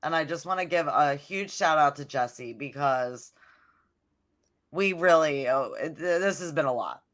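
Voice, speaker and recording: A podcast co-host tells stories in a casual, chatty way, leaning heavily on "like." Her voice is low-pitched and fairly bright, and she speaks at a measured pace.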